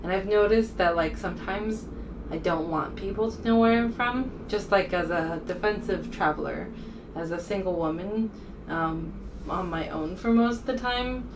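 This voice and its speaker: This is casual vlog talk from an American woman whose medium-pitched voice moves at normal speed. She rambles to camera informally, hesitating as she thinks aloud, recorded on a distant mic with faint background room noise.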